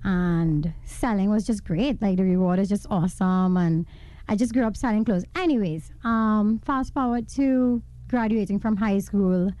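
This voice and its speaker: A woman from Venezuela, a guest telling her life story in a casual interview, animated and laughing often. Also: mid-range voice, moderate pace, no echo. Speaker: guest entrepreneur.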